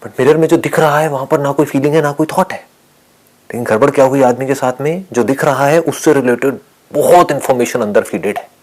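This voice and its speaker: A man giving a calm spiritual discourse, speaking softly and often sinking to a whisper, asking and answering his own questions. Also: medium pitch, brisk, rough recording. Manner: calm, soft-spoken, often dropping to a whisper. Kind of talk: spiritual discourse mixing Hindi and English.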